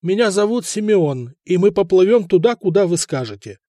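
A man's voice: sits high, sing-song, normal speed, mellow, dry recording, clean studio sound, voice pushed up. A man voicing a timid ship's mate who speaks hesitantly and eagerly agrees.

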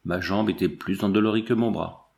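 Homme au débit posé, narration de livre audio. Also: male voice, deep voice, fairly even intonation, fairly quick, gravelly, a little mellow. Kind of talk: scripted narration of a memoir.

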